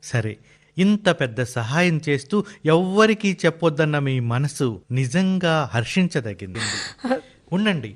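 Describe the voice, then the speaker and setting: A man's voice: fairly high pitch, very animated, moderate pace. A man playing a kind hospital doctor who explains things earnestly.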